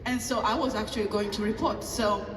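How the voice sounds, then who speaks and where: A woman's voice: mid-range voice, fairly even intonation, brisk, slight background noise. A woman pastor with a Tanzanian accent telling a personal story at a table talk, acting out dialogue with hesitant fillers. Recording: echoey hall from far off, faint ambience.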